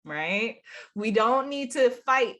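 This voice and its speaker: Speaking slowly in a slightly high, animated voice that's a bit bright and congested, a young adult woman addresses the camera as a spiritual coach. She's the channel's host, and her talk is relaxed, upbeat, and full of laughs.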